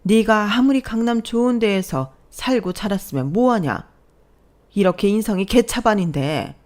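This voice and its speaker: Woman doing a furious older mother-in-law, loud, berating, stern, radio drama. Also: medium pitch, expressive, normal speed, pitched above the performer's own voice, close to an everyday voice. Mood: scolding. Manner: shouting, berating.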